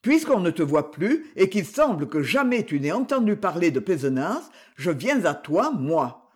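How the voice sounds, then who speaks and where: Male reader doing a lowered, gruff elder brother, stubborn and aggrieved, storybook reading. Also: big pitch swings, normal speed. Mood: insistent.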